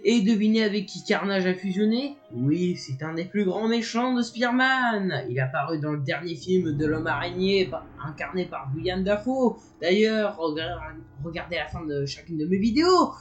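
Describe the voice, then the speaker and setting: A man introducing his channel's video in a loose, chatty way, tripping over restarts and filler words as he goes. He pokes fun at himself as he talks. Music plays clearly behind him. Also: sits high, animated, normal speed, few pauses. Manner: rambling, many fillers and restarts; playful, self-mocking. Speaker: YouTube channel host. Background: background music.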